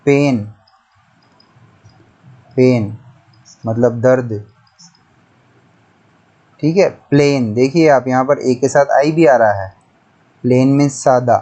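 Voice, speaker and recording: This classroom-style pronunciation lesson comes from a man whose medium-pitched, dark voice moves slowly with frequent pauses. He teaches English grammar methodically, repeating points and spelling words out letter by letter.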